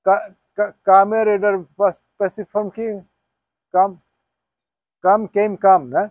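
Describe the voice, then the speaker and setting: High-voiced man teaching a class. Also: little pitch movement, measured pace, no room sound. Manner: checks with students, asks "হ্যাঁ?" often; switches between Bengali and English, spells Arabic out. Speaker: Quran teacher. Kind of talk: informal class lesson.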